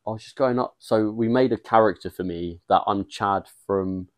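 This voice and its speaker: A man's voice: on the low side, normal speed. A young man, co-hosting a casual podcast and telling rambling stories with frequent laughs. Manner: rambling storyteller, laughs often. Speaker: podcast co-host. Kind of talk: casual chat.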